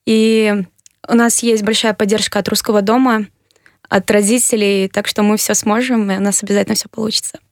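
An eighteen-year-old woman from Kyrgyzstan answering interview questions earnestly, pausing with fillers as she thinks. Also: mid-range voice, flat delivery, dry recording, clean studio sound. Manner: earnest, measured, with hesitant fillers. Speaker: interviewee, university applicant.

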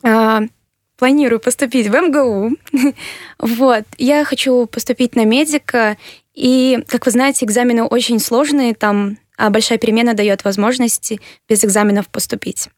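Earnest young woman, slightly high voice. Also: steady tone, no room sound, studio quality. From Kyrgyzstan. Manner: earnest, measured, with hesitant fillers. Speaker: interviewee, university applicant. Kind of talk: interview answers.

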